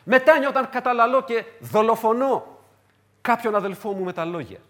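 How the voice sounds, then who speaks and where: A man preaching a sermon to his congregation, emphatic and repetitive, moving between loud declarations and hushed asides. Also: extremely high pitch. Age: adult with wife and children.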